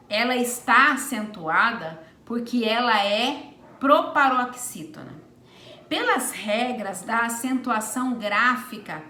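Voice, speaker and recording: A woman's voice: on the high side, bright, forceful tone. A woman teaching a Portuguese grammar lesson, explaining step by step and drawing out each example word. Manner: deliberate, stretches out example words. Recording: echoey room.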